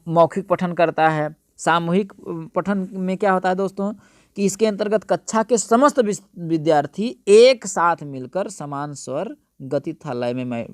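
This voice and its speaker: A man's voice: a little high, no echo, clean studio sound. A male teacher giving an exam-prep lesson, repeating each point and calling his listeners friends.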